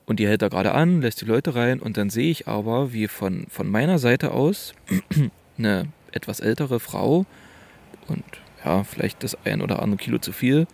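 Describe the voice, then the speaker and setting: A young man casually telling a story on a podcast in slangy, animated speech. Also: on the low side, moderate pace, creaky.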